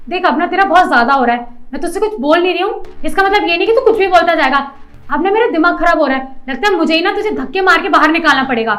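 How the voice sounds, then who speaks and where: A woman's voice: extremely high pitch, lively intonation, quick pace, a bit bright, faint music behind. A woman playing a rude, haughty office manager in a short skit, talking down and scolding. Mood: scornful. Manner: scolding, bossy, condescending.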